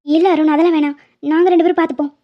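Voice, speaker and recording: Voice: very high voice, flat delivery, racing, pitched below the performer's own voice. A woman voicing a busy, defensive middle-aged mother in a cartoon drama, brushing off concerns in a dismissive way. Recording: dull lo-fi cartoon audio.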